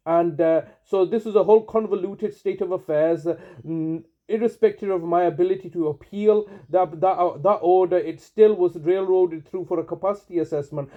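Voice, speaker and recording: A man leaving a long voicemail over a phone line, speaking in an insistent, accusing way with many halting restarts. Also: on the high side. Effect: heard over a phone line. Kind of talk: long recorded phone message.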